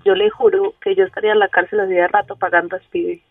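A woman calling into a radio show from work, speaking quietly and teasing the host. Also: medium pitch, big pitch swings, fast talker, creaky, no room sound, far from the mic, faint music behind. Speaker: caller. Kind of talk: casual phone call. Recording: tinny phone line.

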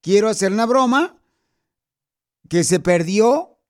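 High-voiced playful radio host. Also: male voice, lively intonation, slow, smooth. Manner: playful, teasing, calls people pet names. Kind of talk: prank call radio show chat.

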